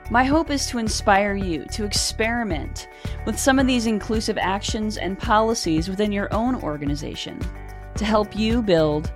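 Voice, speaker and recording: A woman hosting her weekly podcast, reading an upbeat intro and interviewing a guest. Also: mid-range voice. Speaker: podcast host.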